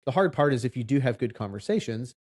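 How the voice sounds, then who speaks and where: A man's voice: medium pitch, animated, fast talker, darkish tone. Chatty man explaining things casually. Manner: conversational, explains with examples and asides. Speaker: loan officer, podcast co-host. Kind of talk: casual podcast conversation.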